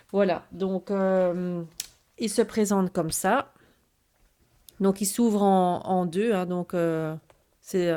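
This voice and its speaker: A woman with a noticeable accent hosts a relaxed craft show-and-tell. Her voice is warm and mellow. She pauses often, filling gaps and restarting her phrases. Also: mid-range voice, clear, resonant tone. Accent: noticeable French accent. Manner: hesitant, many fillers and restarts. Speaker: craft video host. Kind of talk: casual product presentation.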